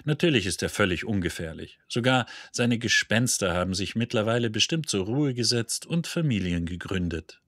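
A man voicing a loud, carefree male spaceship captain who brushes off danger and shouts orders. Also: fairly low pitch, animated, moderate pace, hardly any pauses, no echo, studio quality. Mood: brash.

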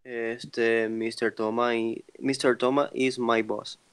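A man's voice: mid-range voice, little pitch movement, takes it slowly. A man student in an online class, answering hesitantly with fillers.

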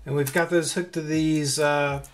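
His voice is fairly high with fairly even intonation, and he talks a little slowly. He's presenting a casual electronics build demo at an indoor workbench, chatting informally and reasoning out loud while he works.

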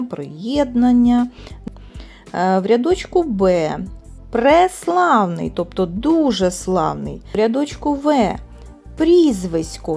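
A woman teacher going through exam tasks step by step, saying the example words slowly and clearly. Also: medium pitch, dark tone. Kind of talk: exam prep lesson.

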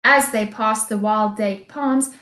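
A woman teacher with a South African accent reading a storybook aloud to young children, slow and expressive. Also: on the high side. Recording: echoey room.

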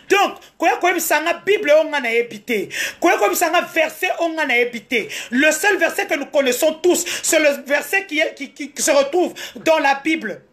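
A woman from Congo with a Congolese French accent tells a story on a casual live stream, lively and switching between French and Lingala, speaking into a phone. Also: high-pitched.

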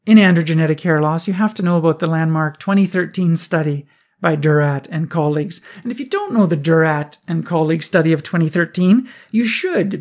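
Man briskly explaining hair loss research. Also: on the high side. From Canada. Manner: brisk explanatory, rhetorical questions. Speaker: podcast host. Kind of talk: scripted research review.

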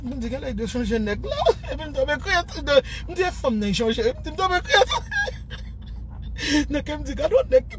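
A Haitian woman spins a comic personal story with high, wildly swinging pitch. She hams it up with mock wailing and bursts of laughter, sliding between Creole and French, over faint background noise. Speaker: social media storyteller.

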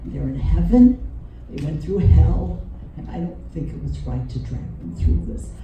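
Reproachful woman speaking from a booming hall. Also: expressive, a little slow, highs cut off, background noise. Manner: reproachful, emotional, uses Yiddish words. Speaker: audience member. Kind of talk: spoken comment from the audience. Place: theater audience, indoors. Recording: very echoey, distant theater audience sound.

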